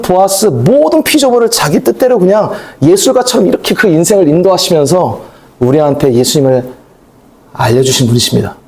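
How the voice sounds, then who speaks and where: A male pastor preaching a sermon in a conversational, animated way, with asides and acted-out quotes. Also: high voice.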